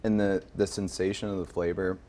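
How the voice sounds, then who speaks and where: Speaking a little fast in a low, warm voice with a flat delivery, a man in his thirties leads a casual live wine demo as a guest in a TV news studio. He explains things informally in a sommelier's manner, often adding "right?", with slight background noise.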